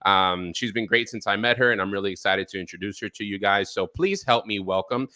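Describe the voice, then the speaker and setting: A man's voice: on the low side, fairly quick, no room sound. A man hosting a live-streamed interview show about therapy, talking loosely with lots of ums and uhs. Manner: relaxed, filler-heavy talk with frequent ums. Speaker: podcast host.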